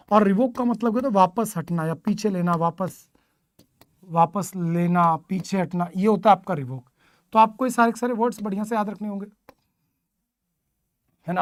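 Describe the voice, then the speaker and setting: A man's voice: high-pitched, no echo. A male teacher giving an online exam-prep English lesson, drilling word meanings with repeated questions and calling students his children.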